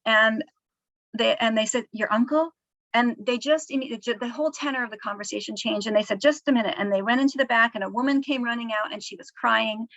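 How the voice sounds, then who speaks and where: A woman author telling a family story in a casual interview, soft-spoken and halting, with frequent fillers. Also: on the high side, no room sound, highs cut off. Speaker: author discussing her book.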